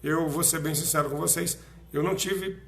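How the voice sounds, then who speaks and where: Male host for a casual online poetry lesson; gravelly voice, chatty and joking, recorded in an echoey room. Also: a little high, steady tone, normal speed, a bit bright. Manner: chatty, joking asides to viewers. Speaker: live-stream host teaching poetry. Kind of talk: casual live-stream lesson. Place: home room with street noise outside.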